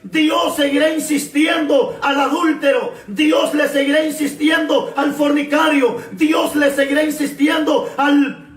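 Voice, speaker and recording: A man preaching a fervent sermon, repeating phrases and often shouting. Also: very high voice, little pitch movement, measured pace, reverberant, far from the mic. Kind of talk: shouted Pentecostal-style sermon.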